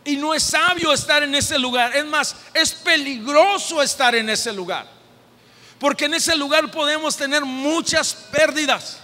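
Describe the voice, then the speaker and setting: A Mexican man preaching a sermon as pastor, impassioned and building to shouted repetitions, in a church sanctuary. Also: extremely high pitch, measured pace. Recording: long hall reverb in a church.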